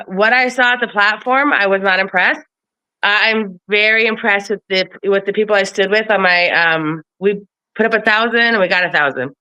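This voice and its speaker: A woman talking in a bright, forceful voice, blunt and profane as she rants. The audio is slightly dull and lo-fi. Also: medium pitch, clear, resonant tone. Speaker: political commentator. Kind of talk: casual political chat.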